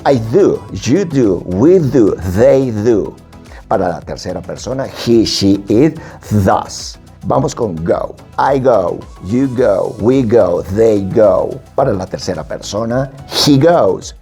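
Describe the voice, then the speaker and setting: Slow, emphatic Spanish-speaking teacher. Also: male voice, on the low side, warm tone, slightly rough. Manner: emphatic, repeats and drills example phrases. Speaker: English teacher. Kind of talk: explanatory language lesson.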